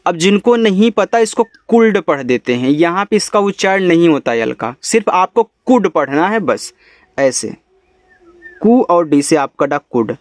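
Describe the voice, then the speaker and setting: Guy teaching english spelling, a bit high voice, dry close sound. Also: sing-song, no echo. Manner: spells out letters slowly, then explains in Hindi. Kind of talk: spelling lesson.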